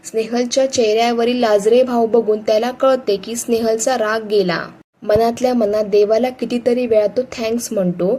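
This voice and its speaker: A woman narrating a family story in a steady, expressive reading style. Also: on the high side, normal speed, a little hiss or hum.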